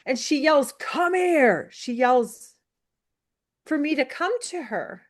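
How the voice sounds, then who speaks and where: Woman, 60s, from the US, interview guest; animated, rambling storyteller, voice a touch high. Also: takes it slowly. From United States. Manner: animated, rambling with many fillers. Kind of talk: casual storytelling.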